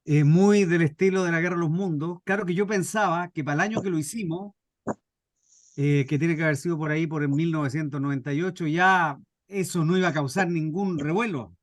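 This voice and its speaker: He talks a little fast in a slightly high voice, recorded dry at studio quality. This middle-aged Chilean, a radio drama scriptwriter and workshop speaker, introduces himself to a group and tells anecdotes casually, with somewhat hesitant phrasing.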